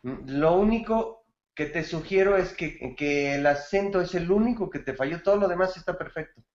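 A man's voice: high voice, normal speed, echoey room, highs cut off. A man teaching songwriting gives feedback on a student's bolero, praising it and explaining grammar with song examples. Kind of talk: feedback in an online class.

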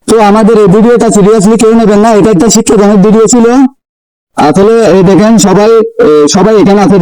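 A man's voice: high-pitched, warm tone, low-quality recording. A man presenting a comedy page, speaking straight to his viewers. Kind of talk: direct address to viewers, sign-off.

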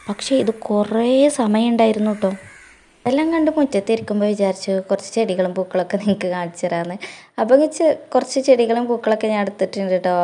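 A woman's voice: a little high, vocal fry, warm tone. A young woman from Kerala with a Malappuram Malayalam accent, narrating her home vlog in a chatty way and tagging her sentences with a friendly "tto". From Kerala, India. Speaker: vlogger.

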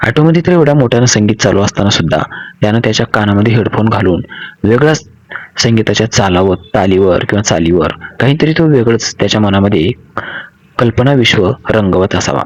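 A man narrating a story in a colloquial, confiding way. He speaks straight to his listeners and calls them friends. His voice sits fairly low. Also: dull audio.

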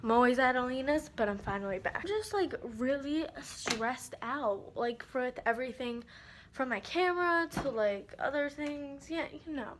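A woman's voice: high-pitched, expressive, normal speed, noisy background. A teenage girl chatting casually to her phone at home for a vlog, rambling and teasing herself. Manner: rambling, chatty and self-mocking. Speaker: vlogger. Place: at home indoors. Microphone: phone held at arm's length.

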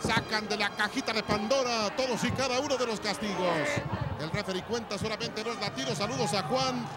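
A man's voice: sits high, a little fast. A man with a Mexican accent giving colourful, slangy play-by-play commentary on wrestling. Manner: colourful slang-laden announcing. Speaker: lucha libre commentator. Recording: very noisy arena crowd behind. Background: loud arena crowd.

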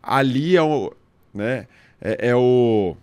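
Podcast host, Brazilian man, casual slang, stumbling restarts, mid-pitched voice, dry room. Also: slow pace, darkish tone, smooth, dry recording. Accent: Brazilian Portuguese.

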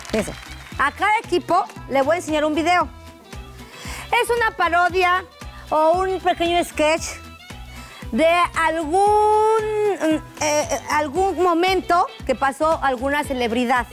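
A woman's voice: extremely high pitch, unhurried. A Mexican woman hosting a rowdy comedy game show, brash and teasing, swearing freely. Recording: loud music and crowd behind.

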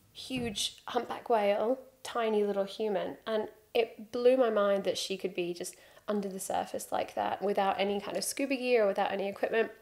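A British freediving instructor in her thirties, her voice mid-range and darkish, is a podcast guest on a studio sofa with a plain wall behind her. In a relaxed interview she shares her story with self-mocking humor, wearing headphones and sitting close to a desk microphone.

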